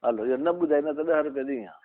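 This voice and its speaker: A man teaching an Arabic grammar class, explaining slowly and quizzing his students by name. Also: a little high. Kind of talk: classroom lesson, questioning students. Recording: tinny phone-like recording.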